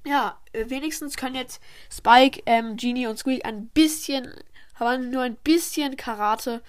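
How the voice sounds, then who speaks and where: A woman hosting and narrating her homemade story episode in a chatty, relaxed way. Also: high-pitched, unhurried. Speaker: narrator and host.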